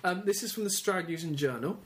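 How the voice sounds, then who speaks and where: Higher-voiced English man, halting casual chat. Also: lively intonation, faint music behind. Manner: hesitant, stammering restarts. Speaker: podcast co-host.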